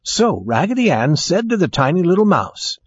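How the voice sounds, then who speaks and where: A man reading a children's storybook aloud in a lively, expressive way, recorded with a dry, dull lo-fi sound. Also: sits high, moderate pace, breathy edge, no echo. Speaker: narrator.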